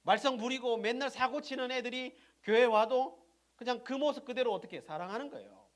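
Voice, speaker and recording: High-voiced male pastor preaching. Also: a little fast. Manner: asks the congregation questions and answers them himself; swings from loud emphasis to soft, low asides. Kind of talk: sermon.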